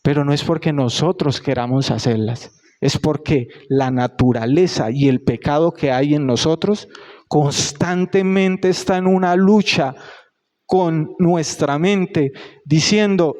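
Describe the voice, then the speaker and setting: A young man preaches in a relaxed, talky way, often slipping into little quoted voices. His voice sits a bit higher than most men's. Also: unhurried. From Colombia. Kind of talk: sermon.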